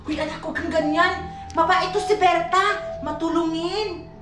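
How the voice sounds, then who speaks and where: A woman voicing a busy, gentle mother who talks in a hurried, soothing way. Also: very high voice, fairly even intonation, reverberant, far from the mic, over loud music, voice pushed down. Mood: calm.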